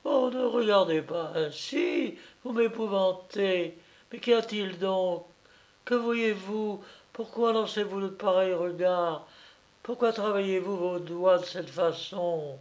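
A man's voice: sits high, steady tone, a little slow, a little mellow, voice pushed up. A man putting on a fretful pleading aunt. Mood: imploring. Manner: imploring, reproachful, dramatic. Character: anxious pleading aunt, woman, middle-aged. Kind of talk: audiobook reading.

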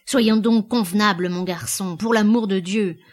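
A woman's voice: mid-range voice, moderate pace, natural voice. A woman doing a scolding older market woman. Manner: scolding, motherly.

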